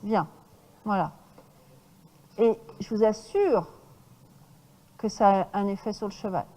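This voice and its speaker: A woman horse trainer giving a lecture to an audience, lively and demonstrative, often checking in with her listeners. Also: medium pitch, slow pace, big-room sound, poor audio.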